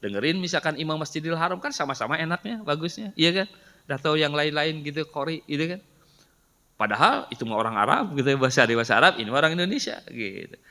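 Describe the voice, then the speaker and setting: Middle-aged male Quran teacher, animated, bright tone, echoey mosque hall. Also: on the high side, fast. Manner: explains patiently, asks rhetorical questions. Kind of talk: Quran study lesson. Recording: reverberant hall sound.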